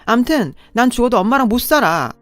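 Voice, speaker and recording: A woman's voice: medium pitch, big pitch swings, brisk, no echo, natural voice. A woman doing a spoiled whiny older sister.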